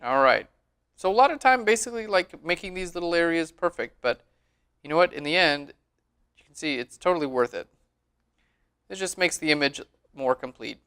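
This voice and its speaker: Gravelly, bright-voiced man teaching software. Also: on the high side, normal speed, pauses often. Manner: relaxed, chatty, says "all right" often. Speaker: photo editing instructor. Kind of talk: screen-recorded software tutorial.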